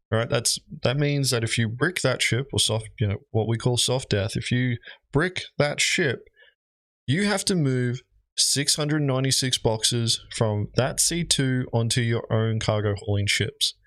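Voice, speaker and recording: A man's voice: mid-range voice, normal speed, a bit bright, no echo. A man giving casual, rambling commentary as he reacts to gaming videos, with lots of fillers. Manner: rambling, frequent "you know" fillers.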